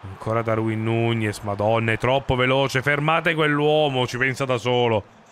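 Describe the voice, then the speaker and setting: An emphatic man streams a football video game and calls the play live. His voice sits at a medium pitch and he breaks into exclamations and swearing. Stadium ambience from the game is clearly heard behind him. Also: fairly even intonation, normal speed, fairly bright tone. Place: indoor streaming room. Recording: clear background game noise.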